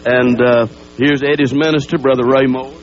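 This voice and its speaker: A man, introducing guests on a live TV show as a brisk, chatty emcee. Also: mid-range voice, steady tone. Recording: dull lo-fi broadcast tape with hum.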